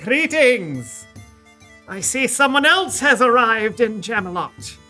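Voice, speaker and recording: A man's voice: very high voice, animated, slow pace, sharp tone, faint music behind, heavily acted. A man playing a pompous medieval knight who speaks in old-fashioned formal phrases, in a kids' comedy sketch.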